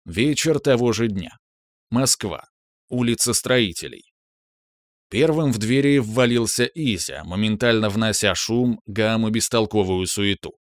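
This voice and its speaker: A man reading an audiobook with steady, expressive narration. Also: fairly low pitch, a little slow, no echo, studio quality.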